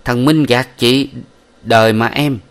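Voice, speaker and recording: A man voicing a shrewd, smooth-talking brothel madam in an audiobook, coaxing and sweet. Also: medium pitch, fairly even intonation, unhurried, voice pushed up, lightly acted. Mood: sly. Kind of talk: audiobook character voice.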